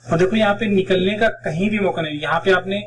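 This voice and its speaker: A man's voice: high voice, quick pace, recorded from a distance, low-quality recording. A man leads a live online trading class. He explains step by step and slips phrases into his Hindi. He sounds set back from the microphone, with a faint hum of background noise. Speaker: trading instructor.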